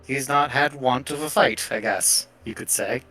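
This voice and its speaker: A man running a tabletop game as game master over voice chat, talking in a relaxed, conversational way with quick asides. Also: medium pitch, gravelly, soft background music.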